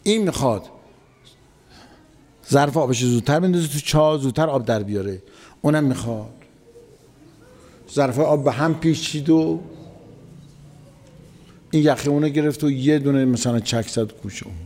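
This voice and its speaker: A man's voice: medium pitch, pauses often, warm tone, a little hiss or hum. A man preaching a sermon, telling a story in a conversational way and repeating phrases for emphasis. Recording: long hall reverb.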